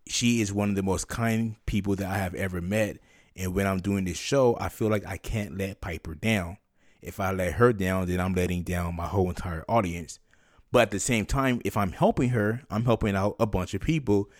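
A man's voice: deep voice, normal speed, no echo, clean studio sound. A man hosting a podcast, talking conversationally and instructionally, as if directly to one listener. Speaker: podcast host.

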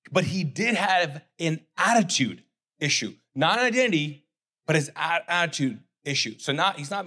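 A pastor gives a conversational sermon, impersonating imagined people and prompting listeners to supply his words. He's a middle-aged man of Pakistani descent raised in Kuwait, not a native English speaker, with a fairly bright, somewhat high voice.

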